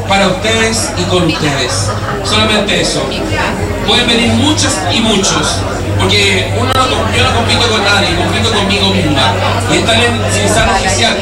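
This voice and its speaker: A woman hosting a live bar event as emcee, talking loud, firm and emphatic to the crowd. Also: medium pitch. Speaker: master of ceremonies. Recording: echoey room, distant mic, loud music and crowd.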